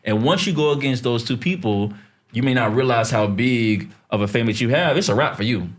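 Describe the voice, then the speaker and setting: A man's voice: mid-range voice, expressive, a little fast. A man hosting a podcast in a studio, chatting casually and teasing his co-hosts, with frequent fillers. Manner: laid-back, teasing, trails off with fillers. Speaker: podcast host. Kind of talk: casual chat.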